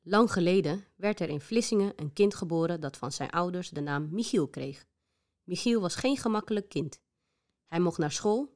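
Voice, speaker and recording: A woman narrating a children's history story for a podcast, clear and measured. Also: on the low side, darkish tone.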